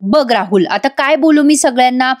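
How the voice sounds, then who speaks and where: Angry pregnant young wife, scolding, high, read by a woman narrator. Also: expressive. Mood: angry complaining. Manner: scolding, rapid complaints.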